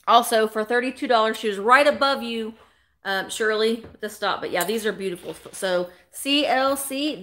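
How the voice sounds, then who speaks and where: A talkative woman in her forties, her voice bright, forceful, and a little high, hosts a chatty live selling stream from a small indoor room full of vintage decor. Close to her desk webcam, she's animated and upbeat, greeting viewers by name.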